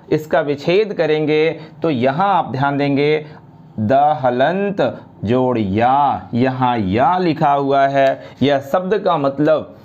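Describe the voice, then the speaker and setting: A man teaching a grammar lesson to students, slowly reciting and repeating word forms one by one. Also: fairly high pitch, darkish tone, dull audio. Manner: addresses students directly, repeats each form.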